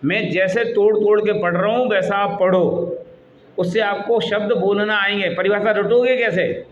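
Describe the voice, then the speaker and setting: A man teaching a class, coaxing and scolding students and leading them through slow recitation. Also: high-pitched, steady tone. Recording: dull echoey hall, students audible.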